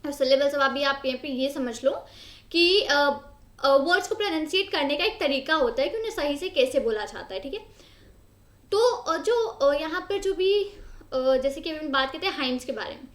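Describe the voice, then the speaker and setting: A young woman teaching an exam-prep history lesson. She explains in Hindi with many fillers, repeats and rephrases her points, and reads English textbook lines slowly. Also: sits high, animated, roomy sound.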